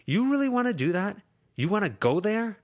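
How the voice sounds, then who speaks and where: In an audiobook, a man voices an anxious, protective teenage girl who is upset and lectures her friends intensely, her voice rising to shouts. He speaks at medium pitch with big pitch swings and a moderate pace, pushing his voice up in a lightly acted performance.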